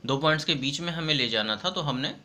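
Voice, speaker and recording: A man teaching a school science lesson, explaining patiently, mixing in English and reading textbook definitions slowly. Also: on the high side, animated, sharp tone. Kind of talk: online classroom lesson.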